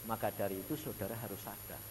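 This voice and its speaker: A male pastor preaching a sermon in a dramatic manner, swinging from shouts to hushed low tones. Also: steady tone, fast talker. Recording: long hall reverb, faint hum.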